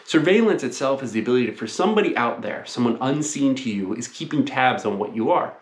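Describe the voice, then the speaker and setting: A man's voice: medium pitch, lively intonation, fast. A man lecturing informally as a college teacher, explaining things to his class in a conversational way. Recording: roomy, echoing sound.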